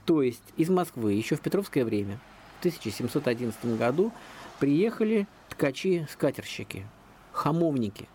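Speaking briskly at a medium pitch over slight background noise, a man appears as a local historian on a radio interview. His long explanations wander chattily, full of lively storytelling.

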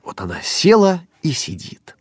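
A man narrating a children's story with an expressive, lilting read-aloud delivery. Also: fairly high pitch, measured pace, husky, no echo, soft background music.

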